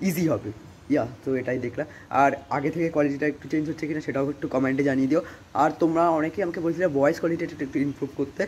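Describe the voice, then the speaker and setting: A teenage boy from India with a cold-roughened voice, vlogging casually into a phone at home, rambling with lots of fillers and English words. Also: medium pitch, darkish tone, dull audio, slight background noise. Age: teens. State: hoarse from a cold. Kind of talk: casual vlog chat. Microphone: phone camera.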